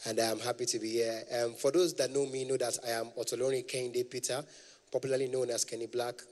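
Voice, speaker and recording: A man's voice: medium pitch, little pitch movement, fast talker, darkish tone, long reverb tail. A young adult man with a Nigerian accent, doing stand-up comedy as an event MC, playful and formal with the audience.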